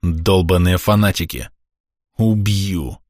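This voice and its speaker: Embittered injured man, low and seething, words squeezed through his teeth; narrator voices him. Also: fairly even intonation, takes it slowly, a little mellow, dry recording, studio quality. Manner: muttering through clenched teeth.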